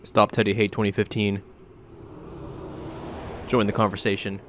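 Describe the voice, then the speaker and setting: A man's voice: fairly low pitch, little pitch movement, normal speed, a crowd in the background. A man reading game text aloud as a let's player, with dramatic delivery and joking asides. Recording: faint background noise.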